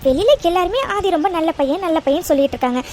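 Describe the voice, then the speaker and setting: A woman's voice: very high voice, rapid-fire, a little mellow, slight background noise. A woman voicing a shy young wife in a cartoon, who speaks in a coy, pleading way.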